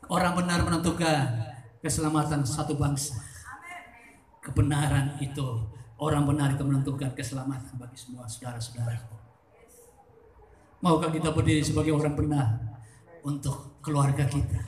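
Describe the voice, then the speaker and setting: Fervent high-voiced preacher, echoey hall. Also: male voice, fairly even intonation, moderate pace, long pauses. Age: middle-aged. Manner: swings between soft intimate asides and loud fervent climaxes. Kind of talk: sermon.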